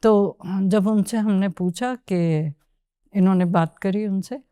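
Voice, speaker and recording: A woman guest on a podcast interview, telling her story at an unhurried pace and slipping English phrases into her Hindi. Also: mid-range voice, warm tone, clear, resonant tone, no echo, clean studio sound.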